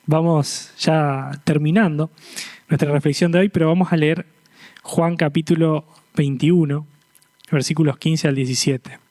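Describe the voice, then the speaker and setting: A young man with a Rioplatense Spanish accent giving an earnest, conversational sermon to young people, slowing down for emphasis. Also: on the high side, steady tone, darkish tone, dry recording. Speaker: youth speaker.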